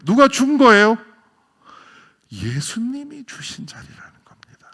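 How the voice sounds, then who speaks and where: A man preaching a sermon as a pastor, with a Gyeongsang accent, swinging from loud exclamations to near whispers. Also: sits high. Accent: Gyeongsang Korean.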